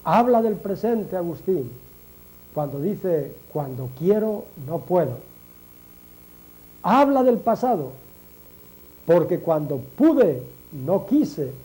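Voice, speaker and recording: A man giving a reflective sermon, speaking slowly and deliberately, repeating phrases for emphasis and addressing listeners directly as friends. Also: high voice, very animated, mellow, rough recording. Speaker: religious speaker.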